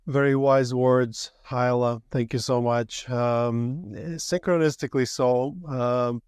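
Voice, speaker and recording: A man from Latvia hosting a podcast interview, chatting in a relaxed way with frequent fillers. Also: medium pitch, slow pace, clear, resonant tone, no echo, clean studio sound. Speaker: podcast host. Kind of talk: casual interview chat.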